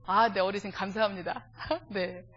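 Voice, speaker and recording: A woman's voice: medium pitch, unhurried, breathy edge, dull audio. A woman leading a church family seminar, speaking with animation and checking in with the congregation with direct questions. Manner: animated, acts out everyday dialogues.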